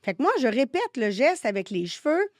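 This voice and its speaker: A woman with a Québécois accent tells animated stories and acts out the dialogue in casual podcast talk. Her voice sits a touch high. The sound is dry and close-miked. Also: brisk, no echo. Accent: Québécois French. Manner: lively, animated anecdote telling with quoted dialogue. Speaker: guest, synergologist.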